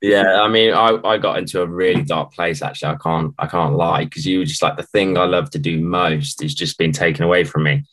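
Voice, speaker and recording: Male, British accent, low pitch, casual chat, matey, halting phrasing. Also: fairly even intonation, fairly bright tone. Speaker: band musician, interview guest.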